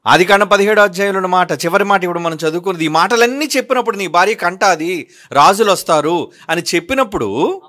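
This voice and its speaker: Animated man preaching, higher-pitched voice. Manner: questioning, emphatic, drawn-out readings. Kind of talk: sermon with bible reading.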